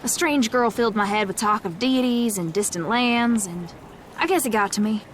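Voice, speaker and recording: An actress playing a gruff, wary young gunslinger in a video game, stubborn and world-weary, with a blunt, folksy Southern US drawl. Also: female voice, a little high, moderate pace, slight background noise, close to an everyday voice. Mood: sheepish. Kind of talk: video game character acting.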